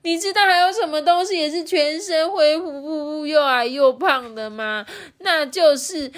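A woman doing a weepy young hippo girl from a children's storybook, her voice jumping far up into a thin, stammering wail. She sobs through her words and drags them out slowly. The voice stays bright and high. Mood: tearful wail. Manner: sobbing, stammering, wailing high. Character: weepy oversensitive female hippo.

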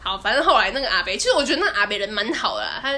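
Quick, bright-voiced woman telling a story. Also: mid-range voice. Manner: animated, laughing, acts out quoted people. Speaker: podcast co-host. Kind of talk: casual storytelling chat.

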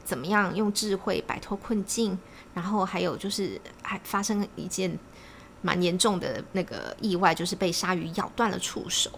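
Woman podcast co-host, gravelly tone, chatty storyteller, faint hiss behind. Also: fairly low pitch. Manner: chatty storyteller, quick repeated agreement. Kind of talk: casual podcast chat.

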